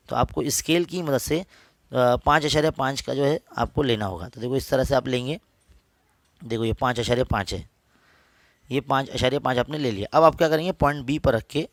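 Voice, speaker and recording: A man's voice: medium pitch, no room sound. A man with an Urdu accent, a maths teacher patiently explaining geometry step by step to students, repeating each point.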